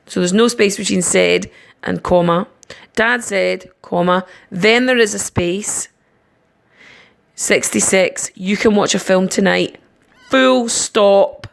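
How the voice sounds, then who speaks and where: A woman teacher giving a recorded online lesson, patiently explaining each step slowly. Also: medium pitch, creaky. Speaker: primary school teacher.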